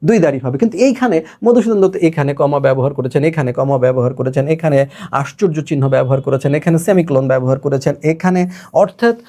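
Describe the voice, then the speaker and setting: A male teacher giving a classroom lecture on poetry, explaining step by step, checking with his students and reciting verse lines slowly. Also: a little high, dark tone.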